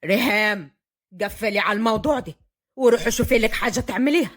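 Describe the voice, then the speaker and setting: A woman's voice: fairly high pitch, fast talker, close to an everyday voice. A woman voicing a strict old grandfather who heads the family, speaking in a stern, commanding way with an Upper Egyptian accent. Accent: Upper Egyptian Arabic.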